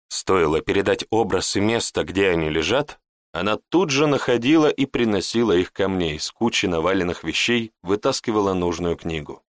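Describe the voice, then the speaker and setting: A man narrating a first-person fantasy audiobook with expressive, dramatic intonation. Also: fairly low pitch, no room sound, studio quality.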